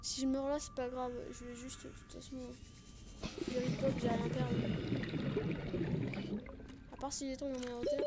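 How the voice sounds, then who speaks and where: High-voiced excitable woman streamer. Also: a little slow, long pauses, very noisy. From France. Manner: chatty, excitable, self-mocking, talks to chat. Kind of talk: casual let's-play commentary. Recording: game music playing underneath. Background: video game music.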